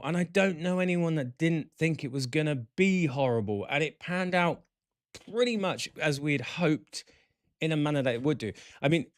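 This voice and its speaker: A man hosting a chat show, excitable and talkative. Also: a little high, no room sound, studio quality. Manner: excitable, chatty, animated. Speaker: podcast host.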